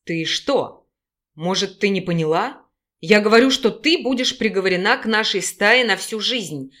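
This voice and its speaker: A woman voicing an angry, scornful young werewolf man who shouts insults. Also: medium pitch, expressive, moderate pace, close to an everyday voice. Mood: pressing.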